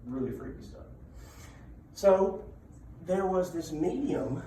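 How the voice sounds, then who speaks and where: A man giving an informal talk of ghost stories and local legends, conversational, with dramatic pauses and check-ins with his listeners. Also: fairly high pitch, big pitch swings, dark tone, far from the mic. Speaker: public speaker telling local ghost stories. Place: indoor room at a library talk. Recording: echoey room from afar, background noise.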